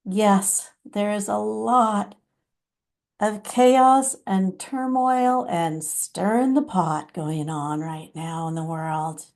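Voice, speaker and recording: A woman channeling a compassionate, motherly female divine spirit who speaks slowly and soothingly to listeners as her children. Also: mid-range voice, a little mellow.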